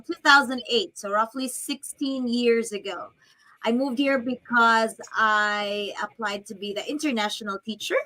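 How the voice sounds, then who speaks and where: A woman's voice: on the high side, bright, forceful tone, poor audio. A woman around forty, a business coach introducing herself cheerfully on a livestream. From Philippines. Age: 40s.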